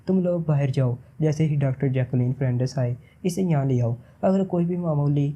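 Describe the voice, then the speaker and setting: A man's voice: on the high side, mellow, dull audio, natural voice. A man reading the part of a stern male secret agent who speaks in a cold, serious tone.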